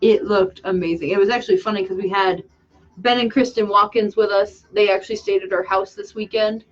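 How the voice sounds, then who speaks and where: A woman hosting a casual livestream chat, rambling excitably and losing her train of thought. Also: mid-range voice, brisk. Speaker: channel host and makeup artist. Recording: dull lo-fi sound.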